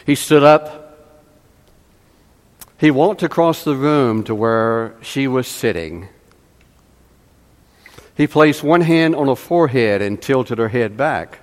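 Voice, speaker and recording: A man preaching a sermon, telling a story slowly with dramatic pauses. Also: medium pitch, lively intonation. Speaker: pastor. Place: church sanctuary. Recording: long hall reverb.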